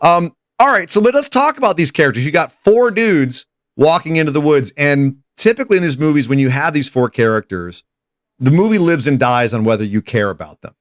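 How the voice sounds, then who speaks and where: A man's voice: a little high, expressive, fairly quick, no echo, studio quality. A man hosting a casual movie discussion podcast, retelling scenes with enthusiasm. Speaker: podcast host.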